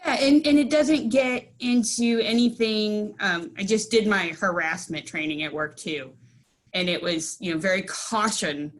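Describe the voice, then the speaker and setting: A woman's voice: mid-range voice, unhurried. Friendly, rambling woman telling a story on a call. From central Illinois. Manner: friendly, rambling, with many fillers. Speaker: meeting participant. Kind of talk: casual storytelling. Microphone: video call.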